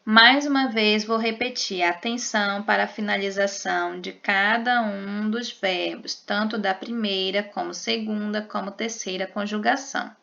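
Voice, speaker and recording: A woman teaching a grammar lesson, slowly drilling verb endings one by one. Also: medium pitch, steady tone, creaky, pushed and bright. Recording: dull lo-fi recording.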